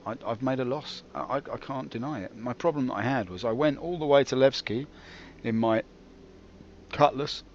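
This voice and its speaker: A man's voice: mid-range voice, moderate pace, muffled recording, slight background noise. A man hosting a gaming video with rambling, self-mocking, dryly comic commentary. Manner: dry, self-mocking, digressive.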